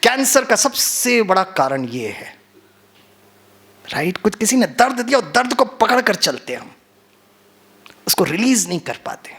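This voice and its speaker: A middle-aged man giving an animated seminar talk to doctors in a conference hall, mixing Hindi and English and acting out quotes. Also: high-pitched, a little slow, pauses often, breathy edge. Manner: audience call-and-response. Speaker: motivational trainer.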